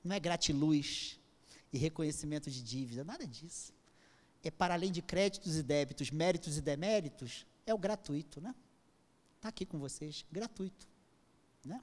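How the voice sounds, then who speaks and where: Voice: mid-range voice, moderate pace. Lecturer, thoughtful storytelling talk, acts out the dialogue, echoey lecture hall.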